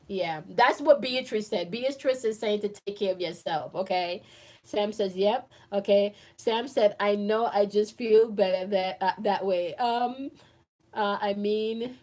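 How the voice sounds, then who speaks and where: A woman in her forties hosts a casual live chat, reading viewer comments aloud and answering with playful banter, laughing often and calling her viewers "y'all." Her mid-range voice is a little mellow.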